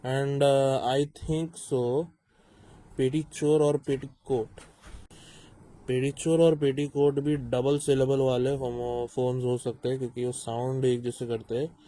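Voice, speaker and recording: A man's voice: mid-range voice, little pitch movement, slow, mellow. A man hosting a reaction video who breaks down rap lyrics in a casual, teacherly way. He thinks aloud with frequent fillers and restarts, drops English terms into his talk, and often checks that listeners follow. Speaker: music reaction video host.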